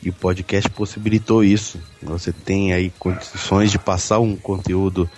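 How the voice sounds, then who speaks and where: A man's voice: sits low, level tone, moderate pace, a little mellow, soft background music. A man chatting casually as a podcaster, very close to a microphone that catches his breath. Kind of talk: casual chat. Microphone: held very close, breath blowing on it.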